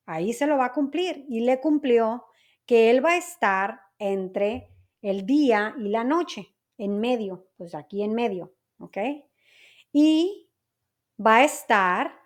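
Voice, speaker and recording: A woman teaching Spanish vocabulary to learners, explaining each word patiently and often checking that her listeners understand. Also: on the high side. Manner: patient, checks understanding with repeated tag questions.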